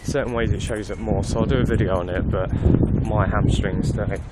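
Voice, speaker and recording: A man's voice: lowish voice, steady tone, fairly quick, heavy background noise. A man in his twenties talking casually to a phone camera after a workout, tired but chatty and candid. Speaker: fitness vlogger. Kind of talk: casual video diary. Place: outdoors at night on a street. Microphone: phone held at arm's length.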